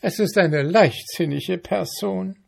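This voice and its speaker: A shrill, bossy female ant , put on by a male storyteller, who lectures and scolds in a raised, pushy voice. She is pompous and energetic, with a slow, gravelly edge underneath. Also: heavily acted. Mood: scolding.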